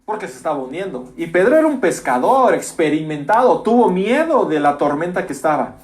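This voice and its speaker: A man preaching a sermon as pastor, emphatic, repeating phrases and rising suddenly to loud stresses. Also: sits high, very animated, brisk. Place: church.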